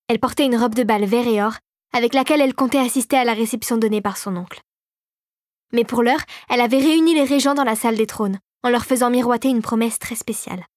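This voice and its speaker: A woman reads a fairy tale aloud in a calm, measured way. Her voice is a little high and light. The recording is dry and close, with no room around it. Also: no room sound. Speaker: narrator. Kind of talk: audiobook narration.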